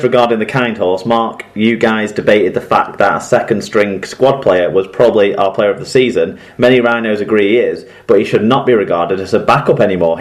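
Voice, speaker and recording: Relaxed male podcast co-host, low voice. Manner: relaxed, laughs often while reading. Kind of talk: casual chat, reading listener messages.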